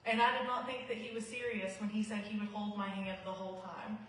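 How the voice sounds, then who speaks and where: A woman who calls herself quiet, giving an earnest, heartfelt memorial speech. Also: mid-range voice, flat delivery, brisk. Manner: self-described quiet, not a talker; earnest and heartfelt. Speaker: eulogy speaker. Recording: echoey hall, mic far off.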